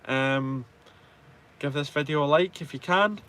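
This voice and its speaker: A Scottish man in his twenties, a truck driver who hosts a live stream, chats casually and answers viewers with self-deprecating banter. His voice sits on the high side, fairly bright, and he speaks at a measured pace.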